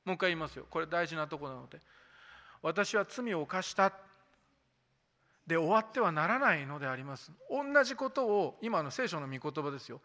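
Male pastor preaching, kinda high pitched, long echo tail like a big hall. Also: pushed and bright. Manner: emphatic, repeats key points; asks the congregation rhetorical questions. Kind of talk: sermon.

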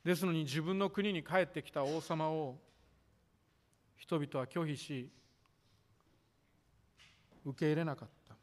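A man preaching a sermon as pastor, measured and formal, drawing out the ends of his sentences. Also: fairly high pitch, fairly even intonation. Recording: echoey hall reverb.

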